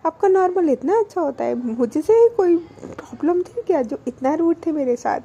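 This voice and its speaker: Pouty jealous young woman, a woman voicing her, high pitched, mellow, storybook. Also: lively intonation, normal speed, highs cut off. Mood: sulky. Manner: sulky, pouting.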